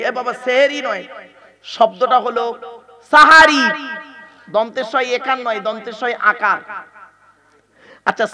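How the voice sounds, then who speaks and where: High-voiced male preacher before a crowd. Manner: teasing, drills pronunciation, asks the crowd questions. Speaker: Islamic preacher. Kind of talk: Bengali waz sermon to a crowd. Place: large gathering with a crowd. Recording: crowd noise from a live gathering.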